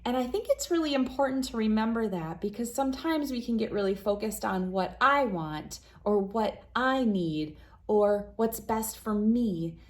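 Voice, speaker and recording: A woman hosts a reading of a children's picture book, her voice a little high. Her storytelling phrasing is expressive and deliberate.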